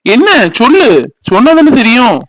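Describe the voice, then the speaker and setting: A man voicing an excitable, caring young brother in a cartoon, talking urgently. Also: very high-pitched, normal speed. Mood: alarmed. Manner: alarmed, urgent. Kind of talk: cartoon voice acting.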